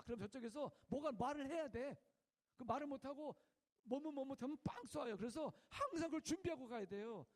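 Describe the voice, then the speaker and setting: Middle-aged male pastor, very high voice, animated sermon with acted-out prayers. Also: in a large hall. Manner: animated preaching, acting out prayers with raised voice and slowing down; asks the congregation questions and has them repeat after him.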